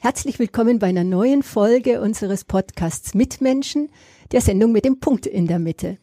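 Woman podcast host, friendly interviewer, mellow tone, dry close mic. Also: medium pitch, normal speed, dry recording. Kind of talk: casual interview.

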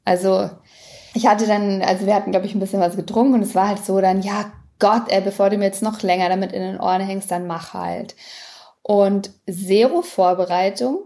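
Warm and mid-pitched, this late-thirties podcast co-host keeps a steady tone at a moderate pace. She's candid and self-deprecating in casual conversation, laughing a lot.

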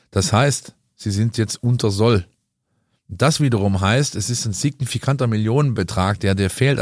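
A man with a lowish voice holds forth in an opinionated podcast monologue, pressing his points with lecturing emphasis. He, and the close, dry recording leaves no room sound. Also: a little mellow, dry recording. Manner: emphatic, lecturing, rhetorical "ja?" tags. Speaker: football podcast pundit.

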